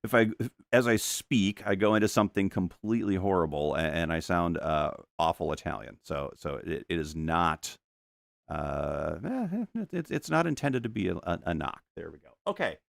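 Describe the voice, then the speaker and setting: Low and creaky, with lively intonation at a moderate pace and no echo, a middle-aged man rambles casually while he paints for a live stream. He speaks into a desk mic in his home studio, often breaking off, stammering as he restarts and chuckling.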